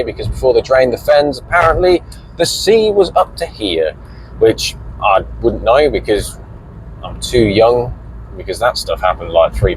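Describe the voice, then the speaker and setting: A middle-aged man talks casually from inside a moving car. His voice sits on the low side and he rambles along with mild swearing. A faint hum of engine and road noise stays underneath. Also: rough recording. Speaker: vlogger. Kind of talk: casual driving commentary.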